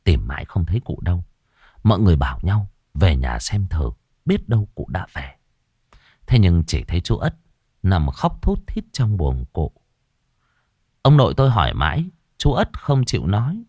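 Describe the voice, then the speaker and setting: Deep-voiced man telling a ghost story. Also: wildly swooping pitch, moderate pace, a little mellow, slightly rough, no echo, studio quality. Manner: dramatic, suspenseful delivery.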